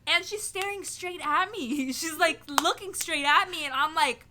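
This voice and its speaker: A woman's voice: very high voice, a little slow, background noise. A young woman casually telling a story to the camera as a vlogger, filling it with "like" and "you know" and laughing as she goes. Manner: chatty, heavy on "like" and "you know"; giggly, animated retelling.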